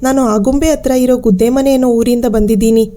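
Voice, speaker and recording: A woman's voice: a little high, fairly even intonation, fairly quick, dark tone, natural voice. A woman voicing a worried young man in a storybook tale, speaking respectfully and pleading for help.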